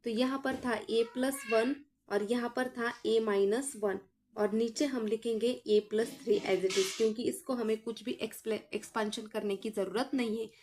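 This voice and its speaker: A woman's voice: a little high, steady tone, moderate pace, darkish tone, slight background noise. Woman explaining a math lesson. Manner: explains aloud, asks the class questions and answers them herself; addresses students as children. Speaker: math teacher.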